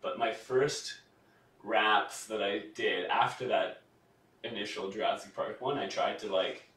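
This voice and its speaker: A man with a bright, forceful voice talks casually on a podcast and laughs often as he tells stories. He is heard a bit off the mic in a roomy, echoing space. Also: lowish voice, unhurried. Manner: laughs often, animated storytelling. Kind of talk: casual chat. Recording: roomy sound from a distance.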